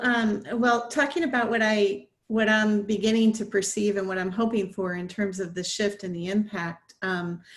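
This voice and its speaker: A woman minister speaking on an online panel over a video call, earnest and reflective, often restarting her phrases. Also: mid-range voice. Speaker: conference minister. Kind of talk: panel discussion remarks.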